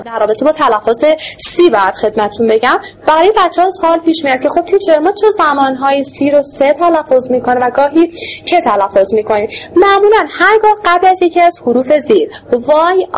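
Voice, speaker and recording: A woman English teacher walking through textbook exercises, explaining in Persian, reading English words slowly and answering her own questions. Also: high voice, slight background noise. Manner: asks rhetorical questions and answers them.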